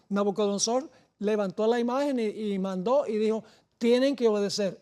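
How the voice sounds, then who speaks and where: A woman preaching a sermon, with deliberate phrasing and rising emphasis on key words. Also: medium pitch, mellow.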